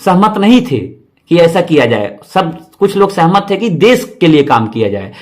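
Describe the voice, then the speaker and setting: A man's voice: fairly high pitch, big pitch swings, normal speed. A man giving an exam-prep history lecture, explaining each point twice and asking rhetorical questions. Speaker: history teacher.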